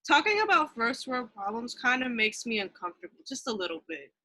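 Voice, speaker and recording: A woman's voice: fairly high pitch, big pitch swings, brisk, sharp tone, rough recording. A young woman co-hosting a podcast, chatting bluntly, complaining and swearing freely. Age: young adult. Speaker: podcast co-host. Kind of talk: casual chat.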